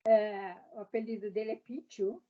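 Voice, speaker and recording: A woman's voice: mid-range voice, steady tone, normal speed, lo-fi sound. A woman from Brazil, a guest in a casual interview, speaking directly and explaining her views with examples.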